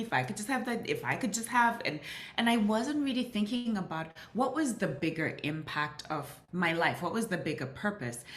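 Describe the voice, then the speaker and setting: A woman from Southern Africa tells her story in an earnest, reflective interview, restarting often and saying "you know" frequently. Her voice is on the low side with a fairly bright tone, and the recording has a roomy echo.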